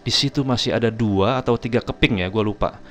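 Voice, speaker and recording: A man's voice: fairly low pitch, brisk, faint music behind. A man telling a casual first-person story to his viewers, chatty and chuckling often. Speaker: storytelling vlogger.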